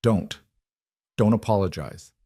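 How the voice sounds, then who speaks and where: A man doing a gruff, rough-edged frontier farmer from a storybook western, talking with low, earnest weight. The voice sits deep and is recorded close and dry. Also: unhurried, mellow, dry recording. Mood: remorseful.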